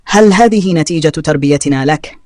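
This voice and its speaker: A man's voice: a little high, brisk, dry recording, close to an everyday voice. A man reading the lines of a betrayed young adult sister who speaks sharply and firmly to her brother in a spoken story. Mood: indignant. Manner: sharp, firm.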